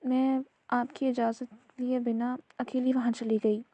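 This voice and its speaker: Lady reading a weepy stubborn young wife, higher voice, mellow tone. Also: level tone, dry recording, muffled recording, natural voice. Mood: anxious. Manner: pleading, insistent.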